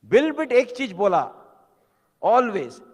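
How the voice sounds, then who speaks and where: A man's voice: very high-pitched, very animated, slow pace, darkish tone. A man giving an emphatic motivational seminar talk, switching between Hindi and English and acting out quotes. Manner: emphatic, preacher-like exhortation. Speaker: motivational speaker at a business seminar. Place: large hall. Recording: long hall reverb.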